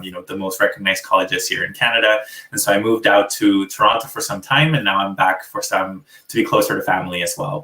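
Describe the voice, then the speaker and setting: A man's voice: lowish voice, pushed and bright. A man from Venezuela working as an international student recruiter, presenting in an upbeat, fluent way with some fillers. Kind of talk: webinar presentation. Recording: roomy distant webinar audio.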